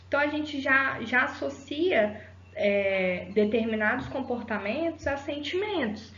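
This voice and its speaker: A woman's voice: high voice, lively intonation, measured pace, fairly bright tone. Woman giving a lecture. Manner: didactic, frequent rhetorical tag "né?" and fillers. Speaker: psychology teacher. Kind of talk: explanatory lecture. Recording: roomy, slightly dull audio.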